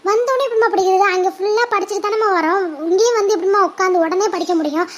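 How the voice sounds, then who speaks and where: A bratty teenage schoolgirl whines and complains, played by a woman. Her very high voice pleads in a steady stream of grievances. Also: racing. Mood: complaining. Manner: whining, complaining. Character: whiny bratty schoolgirl daughter.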